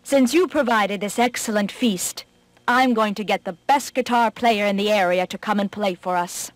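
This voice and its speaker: A woman's voice: medium pitch, moderate pace, dry recording, close to an everyday voice. A woman voicing a sociable male fox who hosts a feast in a storybook reading, chatty and hospitable.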